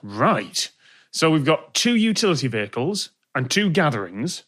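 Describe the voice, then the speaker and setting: A man's voice: on the high side, very animated, normal speed, fairly bright tone. Male comedy quiz host, light and lilting, chuckles a lot. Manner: breezy, laughs often. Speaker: game show host. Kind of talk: comedy panel game.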